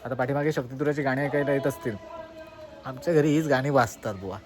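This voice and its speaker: Speaking quickly in a medium-pitched, somewhat mellow voice, a Konkan village vlogger chats through his casual narration. He addresses everyone watching together and invites them to comment.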